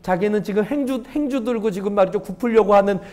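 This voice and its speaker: A male pastor preaching a sermon in a church. He keeps asking the congregation rhetorical questions and swings between loud emphasis and hushed asides. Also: high-pitched, fast. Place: church sanctuary.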